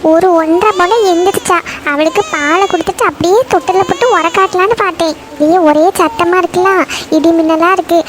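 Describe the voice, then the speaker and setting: A woman's voice: very high voice, fairly even intonation, fairly quick. A woman voicing a tired, scolding cartoon mom. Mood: worried. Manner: scolding, then soothing a crying baby. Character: tired, scolding young mother. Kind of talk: cartoon voice acting.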